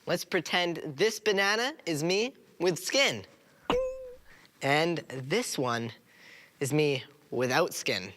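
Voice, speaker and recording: A woman's voice: low voice, animated, takes it slowly, fairly bright tone, a little hiss or hum. A woman hosting a children's science show, bouncy and playful. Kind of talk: upbeat kids' science presenting.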